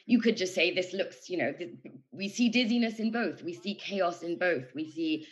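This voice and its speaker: A woman appearing as an interview guest gives political analysis in an unscripted, thoughtful way, pausing hesitantly as she searches for intellectual wording. She speaks at a normal speed in a lowish, expressive voice, and the lo-fi recording has music playing underneath.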